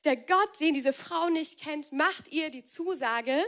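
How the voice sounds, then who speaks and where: A young adult woman gives a casual youth sermon, talking in a colloquial, energetic way with frequent restarts. Her voice sits fairly high for a woman. She shifts easily between plain reading and lively asides. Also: slow. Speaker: preacher.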